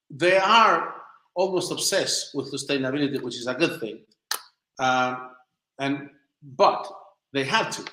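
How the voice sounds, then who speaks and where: Speaking in a bright, forceful, medium-pitched voice, a Spanish-speaking documentary maker from Chile and southern Spain gives casual interview answers while hunting for the right words. The room echoes noticeably around him.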